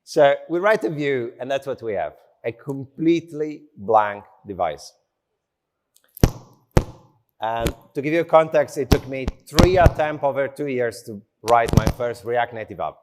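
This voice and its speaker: Unhurried man giving a conference talk. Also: medium pitch, lively intonation, very noisy. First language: not English. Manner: unhurried, slow delivery with short phrases. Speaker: conference speaker. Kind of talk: conference tech talk, conversational. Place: conference stage in front of an audience.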